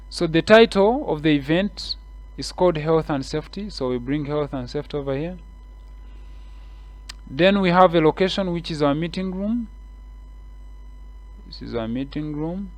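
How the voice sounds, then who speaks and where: In a recording with no echo, a man whose voice is a little high and whose accent is Kenyan English guides people through a screen-share tutorial. He goes step by step, re-explaining things in a laid-back manner and filling pauses often.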